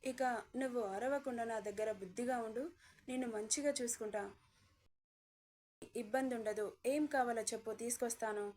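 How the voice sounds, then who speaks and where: A woman's voice: a little high, moderate pace, a little mellow, lightly acted. A woman voicing a man, a kidnapper uncle who coaxes with fake kindness and then threatens, in a storybook narration. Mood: falsely soothing. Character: scheming male kidnapper uncle, menacing and fake-kind.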